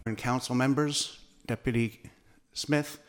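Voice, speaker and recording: A man's voice: medium pitch, steady tone, measured pace. A middle-aged man from Nunavut, Canada, a senior police officer introducing himself formally at a council meeting.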